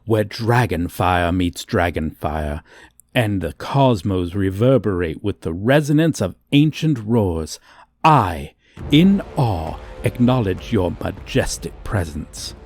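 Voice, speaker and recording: For an ASMR fantasy romance roleplay, a man uses a low, slightly mellow, exaggerated voice, speaking slowly and expressively in a dry recording. He plays a haughty male dragon tenderly courting a human with pompous, archaic diction, in a grand, reverent mood.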